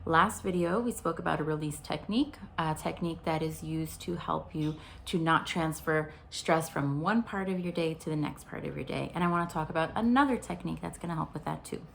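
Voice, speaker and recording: Therapist lady telling a story, friendly and chatty, kinda low gravelly voice. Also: brisk, hardly any pauses, a little hiss or hum. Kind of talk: storytelling explanation for viewers.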